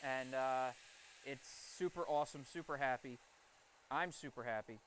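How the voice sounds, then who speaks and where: A man's voice: mid-range voice, normal speed, a bit bright, a little hiss or hum. A man livestreaming from his basement forge, explaining knife grinding in an enthusiastic, rambling way. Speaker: streamer and knifemaker. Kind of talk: casual livestream talk while working.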